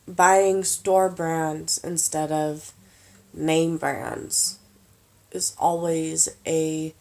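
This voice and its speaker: A tired woman giving casual budgeting advice in a vlog, slow and halting with lots of pauses and fillers. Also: sits low, gravelly, darkish tone. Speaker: vlogger.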